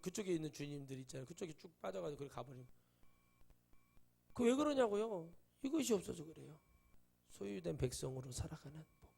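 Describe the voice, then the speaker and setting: A man's voice: fairly high pitch, vocal fry, darkish tone, husky. A male pastor delivering an emphatic, dramatic sermon, acting out the voices of the people in his stories.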